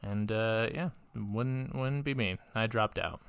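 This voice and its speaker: Male podcast co-host: casual, rambling, filler-heavy delivery, smooth resonant tone, dry close sound. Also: fairly low pitch, slow pace, fairly bright tone, no echo. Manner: rambling, filler-heavy, swearing, laughs often. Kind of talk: casual chat.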